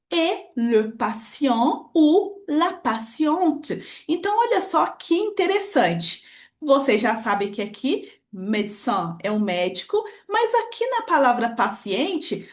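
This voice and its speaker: Upbeat high-voiced woman teaching French. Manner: upbeat, encouraging, addresses viewer directly. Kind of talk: online language lesson. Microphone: computer screen recording voice-over.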